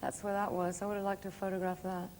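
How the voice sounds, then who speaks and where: A woman's voice: medium pitch, little pitch movement, quick pace, darkish tone. Easygoing woman on a talk show. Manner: easygoing, brief answers. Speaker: guest. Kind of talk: casual chat. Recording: TV studio audio with long reverb and faint hiss.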